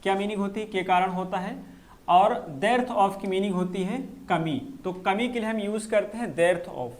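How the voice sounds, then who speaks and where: A man teaching English grammar in a live online class, answering viewer comments and slowly repeating key phrases. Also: sits high.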